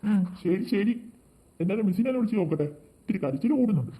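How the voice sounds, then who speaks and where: A man voicing a gentle, indulgent father in a family cartoon who soothes and gently scolds his kids. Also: sits high, animated, fast. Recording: tinny phone-like, faint noise.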